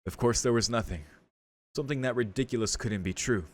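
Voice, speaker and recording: Over game music, a man with a medium-pitched voice streams a visual novel playthrough at a fairly quick pace. He reads the game's text with drama and reacts in casual slang.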